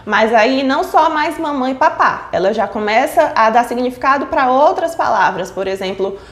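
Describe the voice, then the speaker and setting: In a reverberant space, a woman with a high-pitched, animated voice speaks at a moderate pace. Her online lesson explains child speech development, and she keeps checking in with her audience, often dropping "certo?" and "tá?".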